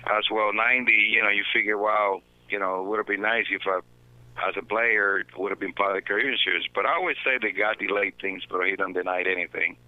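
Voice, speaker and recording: A baseball manager from the Dominican Republic, a guest on a phone interview from home, tells stories in an earnest, reflective way over a tinny line. His voice is lowish with fairly even intonation, and he speaks at a quick pace. The recording is dry.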